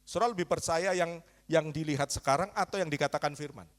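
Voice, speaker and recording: A male pastor with a high voice preaches to his congregation. He keeps asking them questions, coaxing and teasing as he goes. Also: fast talker. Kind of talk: sermon.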